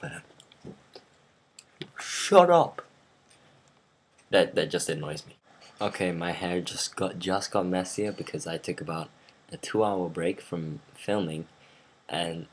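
Low, slow-talking teenage boy rambling. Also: slight background noise. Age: teens. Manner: rambling, lots of ums and restarts. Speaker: vlogger. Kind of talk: casual rant to camera.

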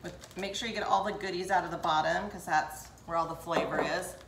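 An older woman hosts a casual cooking demonstration in her home kitchen, chatting straight to viewers as she works. The sound bounces around the room with clear background noise under her voice. She is recorded from a camera set back across the counter. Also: on the low side, steady tone, a little fast, roomy sound. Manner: chatty, talks straight to viewers while working. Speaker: cooking show host.

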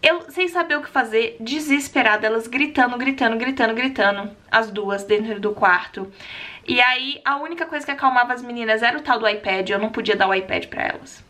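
A young adult woman telling a personal story in a casual vlog, animated and acting out the voices of the people in it. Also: fairly high pitch, fairly quick. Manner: animated, acts out quoted voices. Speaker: vlogger.

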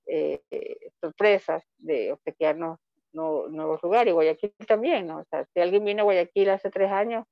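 A woman's voice: lowish voice, normal speed, gravelly, no echo, dull audio. A woman from Ecuador, a comic author, presenting her books in a rambling, chatty way with many restarts over call audio. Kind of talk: online book fair presentation.

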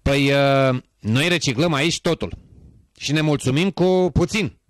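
A man's voice: a little high, no room sound, lightly acted. A man putting on the voice of a thrifty older male rabbi who answers questions patiently and matter-of-factly. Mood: sly.

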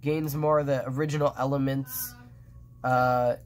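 With a stuffy, sniffling nose, a fan artist presents his drawings in a loose, casual way, his speech nasal and thick. His medium-pitched voice keeps a measured pace with little pitch movement, and he keeps restarting sentences and padding them with fillers. It sounds recorded on a phone propped over a tabletop indoors.

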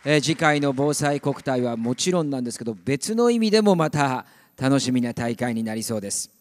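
A man acting as master of ceremonies, announcing speakers in a bright, projected way. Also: mid-range voice, animated, brisk. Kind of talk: event emceeing. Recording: long hall reverb.

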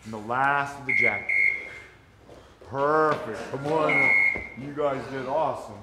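A man's voice: mid-range voice, slow pace. A man leading a group fitness class, calling out moves and counts with upbeat encouragement and frequent laughs. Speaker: fitness instructor. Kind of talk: coaching a live group class. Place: echoey gym with a group. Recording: echoey gym room, loud background noise.

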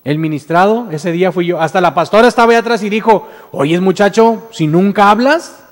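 Standing at a pulpit mic in a church sanctuary with a stage, a Mexican man preaches a sermon in a high, lifted voice and brisk Mexican Spanish. He tells his story earnestly, often restarting on repeated words before building to emphatic declarations, while a long, ringing reverb fills the indoor hall.

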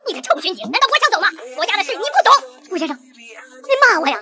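An actor playing an arrogant official who yells insults in contempt. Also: male voice, very high voice, sing-song, fast talker, a crowd in the background, exaggerated voice. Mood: furious. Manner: shouting, contemptuous. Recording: loud noise behind.

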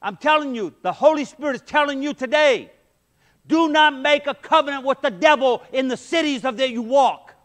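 A middle-aged male pastor preaching from the front of a mid-sized church. His voice sits unusually high for a man, and he presses his points with emphatic rhetorical questions. He speaks through a headset mic. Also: moderate pace, a bit bright. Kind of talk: sermon. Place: church sanctuary, medium-sized, indoors.

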